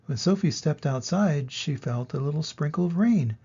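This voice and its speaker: An older man with a grandfatherly manner reads a children's storybook aloud expressively, in a gravelly, husky voice. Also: fairly high pitch, expressive, normal speed, dark tone, muffled recording. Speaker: storybook reader.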